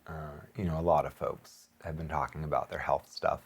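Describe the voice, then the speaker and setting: A pastor and missionary chats earnestly in casual conversation, laughing often and mocking others with high, sarcastic voices. His tone is steady, a little fast and slightly rough, and a cough lingers throughout.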